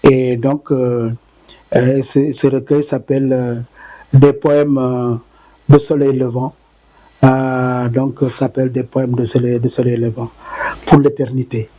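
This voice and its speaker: A poet being interviewed, a man who talks in a halting way with many fillers and repeated words, stopping to count out syllables. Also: medium pitch, little pitch movement, dark tone, low-quality recording. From Senegal. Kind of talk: conversational interview answers.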